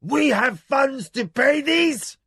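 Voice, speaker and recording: A man voicing a hot-tempered, domineering lord who shouts at his wife, in a raspy, gravelly voice. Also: mid-range voice, sing-song, takes it slowly, dry recording, studio quality, heavily acted. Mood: furious shouting.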